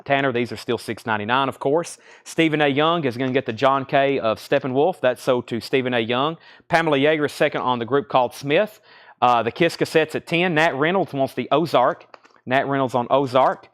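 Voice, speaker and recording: A man's voice: medium pitch, brisk, fairly bright tone. A man hosting a live record sale like an auctioneer, calling out items, prices, bids and names in unscripted sales patter.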